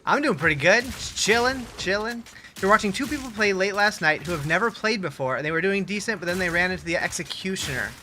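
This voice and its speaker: A young man hosts a late-night gaming stream, relaxed and chatty as he greets viewers and reacts to their messages. His voice is bright and forward, with a wry, sarcastic edge. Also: high voice, fast, hardly any pauses, slight background noise. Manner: laid-back, reads chat aloud and greets viewers by name; dry sarcastic asides. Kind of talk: casual gaming stream chat.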